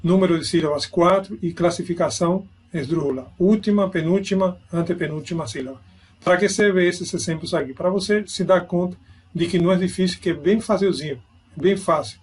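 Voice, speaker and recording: A man's voice: high voice, brisk, slightly rough. A man giving an online grammar lesson, explaining step by step and checking in with his students. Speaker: Spanish teacher.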